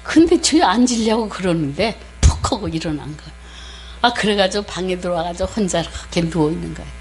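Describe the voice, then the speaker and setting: A woman missionary preaching a sermon with a personal story, talking in an animated way, acting out the voices she quotes and often clearing her throat. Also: fairly low pitch, a little fast, slight background noise.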